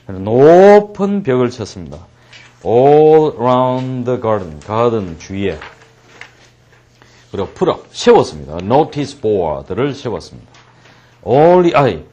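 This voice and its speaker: A man's voice: medium pitch, sing-song, takes it slowly, warm tone, lo-fi sound. A man teaching an English reading lesson, translating line by line and joking as he tells the story.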